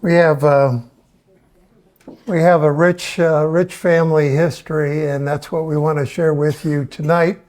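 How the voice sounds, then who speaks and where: A man in his seventies talking casually to an audience, folksy and hesitant, often pausing on fillers and asking the crowd questions. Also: fairly high pitch, flat delivery, a little mellow. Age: 70s. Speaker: presenter.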